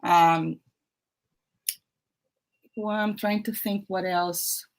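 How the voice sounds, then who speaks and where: A young woman from Brazil, a guest in a casual interview, chatty and laughing often, with halting restarts. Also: medium pitch, fairly even intonation, vocal fry. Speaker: guest, YouTube creator.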